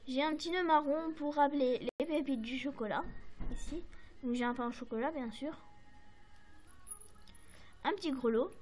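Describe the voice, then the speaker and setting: High-voiced French woman chatting about crafts. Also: normal speed, long pauses, darkish tone, soft background music. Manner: chatty, hesitant, many fillers and apologies. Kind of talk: casual show-and-tell to camera.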